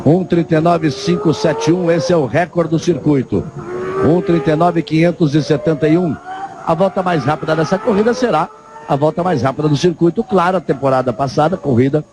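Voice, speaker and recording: A man's voice: fairly high pitch, brisk. A man with a Brazilian accent giving live television commentary as a motorsport commentator, calling a race. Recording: loud engine noise behind commentary.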